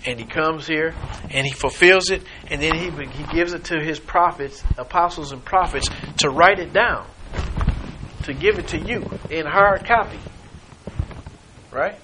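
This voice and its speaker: A man preaching a sermon, halting and searching for words, acting out the scripture quotes. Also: a little high. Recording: noisy recording.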